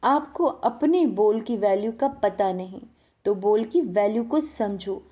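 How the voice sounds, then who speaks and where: A woman giving a devotional sermon on the daily lesson, lively, asking her listeners questions and answering them herself. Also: mid-range voice, takes it slowly, highs cut off. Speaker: spiritual teacher explaining the daily lesson. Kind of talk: devotional sermon, explaining a scripture reading.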